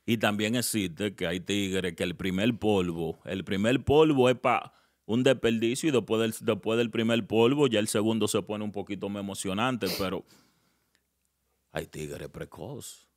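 A man's voice: lowish voice, measured pace, no room sound. Man, casual chat, joking, laughing, dry sound. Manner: joking, laughs often, acts out lines. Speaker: guest relationship advisor.

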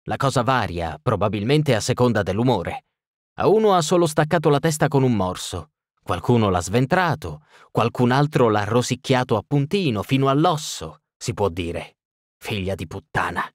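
A hot-tempered, cursing burgomaster, as a male narrator puts him on, his voice pushed up high and loud. He barks out his words, coarse and exasperated. Recorded close and dry. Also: very animated, normal speed, no room sound, lightly acted. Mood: disgusted.

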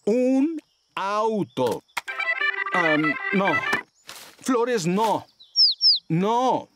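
A man's voice: high voice, wildly swooping pitch, a little slow, loud music behind the voice, full character voice. A man voicing a jovial, self-assured father pig in a children's cartoon.

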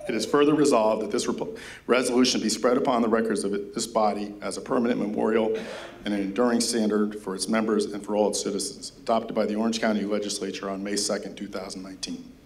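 A man's voice: fairly low pitch, steady tone, fast talker, slight background noise, rough recording. A man chairing a county legislature, reading a formal memorial resolution aloud, slightly out of breath and with small slips. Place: legislative chamber.

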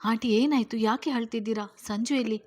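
A woman's voice: fairly high pitch, steady tone, a little mellow, natural voice. A woman voicing a young woman who soothes and reassures an older woman in a storybook. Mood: reassuring. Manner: soothing, hurried.

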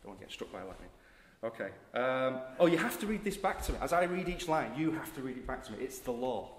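Mancunian poet in an echoey chapel. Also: male voice, mid-range voice, very animated, fast, slight background noise. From Manchester, England. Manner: chatty, self-mocking, hesitant asides. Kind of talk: live comic poetry performance. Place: chapel, live audience. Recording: echoey chapel hall with live audience.

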